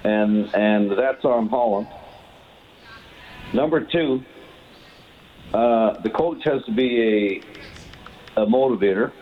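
A man calls in to a radio show and makes his points haltingly, stopping often for fillers. His voice comes through a tinny phone line. A faint hiss runs beneath it. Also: on the low side. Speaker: caller. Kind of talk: call-in radio.

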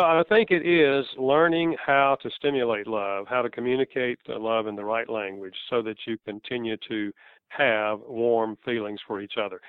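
An author with a Southern US accent, from the American South, answers interview questions earnestly and explains things, chuckling from time to time. His mid-range voice is clear and resonant with no room sound, though it comes through a tinny, dry, phone-like line.

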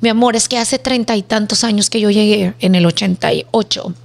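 A woman's voice: mid-range voice, a little fast, creaky. A woman in her fifties with a Mexican Spanish accent, a guest telling her story in a casual interview and acting out voices as she goes. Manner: animated, acts out voices in her stories. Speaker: guest, business owner.

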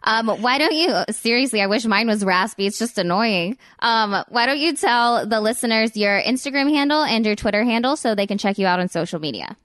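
A woman's voice: a little high, expressive, brisk, hardly any pauses, fairly bright tone, no echo, studio quality. A woman hosting a podcast in a casual, eager and chatty way. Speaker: podcast host.

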